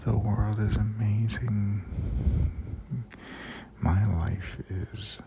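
A man doing ASMR in a low, breathy whisper close to the ear, speaking slowly and soothingly with long, deliberate pauses. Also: fairly even intonation, noisy background. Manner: close, intimate, right-in-your-ear delivery; slow, deliberate, drawn-out phrasing with pauses. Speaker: host. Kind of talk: ASMR, slow soft whispering monologue.

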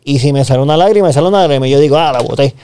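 A man in his forties co-hosting a podcast, speaking candidly and swearing casually in relaxed chat. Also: mid-range voice, racing, clear, resonant tone, no room sound. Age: 40s. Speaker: podcast co-host.

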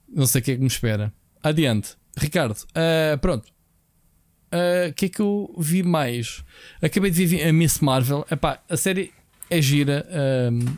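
A man's voice: medium pitch, a little mellow, no echo. A man with a European Portuguese accent co-hosting a podcast in an informal, slangy, conversational way. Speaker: podcast co-host. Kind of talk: casual chat.

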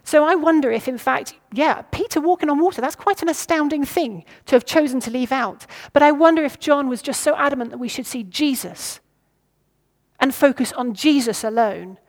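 A woman's voice: sits high, normal speed. Woman preaching a reflective sermon. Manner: reflective, asks the listeners questions.

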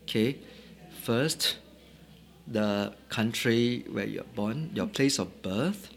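Singaporean guy chatting, lots of uh and right?, mid pitch, thinks out loud. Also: expressive, gravelly. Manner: thoughtful, pausing often with "uh" and "right?". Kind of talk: casual conversation.

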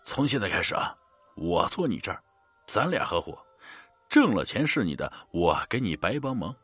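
A stubborn older fortune-teller who presses his warnings insistently, played by a male narrator. His voice is husky, with pitch that leaps widely. The recording is dry. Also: very animated, moderate pace, fairly bright tone, no room sound, soft background music, heavily acted. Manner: urgent, insistent.

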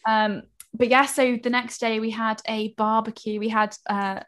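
A young woman who just finished university, chatting casually and pausing on "um" as she tells a story. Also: a little high, flat delivery. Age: young adult. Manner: friendly storytelling with hesitant ums. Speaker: co-host. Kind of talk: casual chat.

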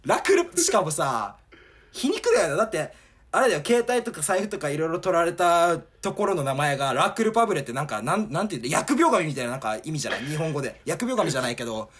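Rambling, fast-talking husky man. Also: a little high. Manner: rambling, animated anecdote with many fillers. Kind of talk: casual chat, storytelling.

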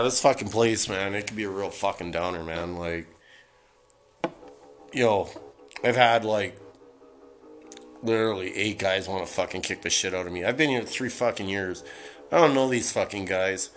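A man with a somewhat low voice rants into his own show, heated and rambling, swearing at nearly every turn. He is from Canada, and the sound of his voice shares the track with clearly audible music from a record player. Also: moderate pace, long pauses, poor audio. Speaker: solo podcaster ranting. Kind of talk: casual profane rant. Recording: music playing in the background.

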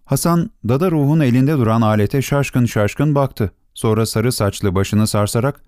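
A man narrating a story for an audiobook in a measured, expressive storytelling manner. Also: medium pitch, no echo, studio quality. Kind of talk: scripted narration.

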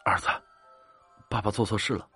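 A man's voice: brisk, bright, forceful tone, soft background music, lightly acted. A man playing a grieving father who speaks in a choked, tearful, pleading way.

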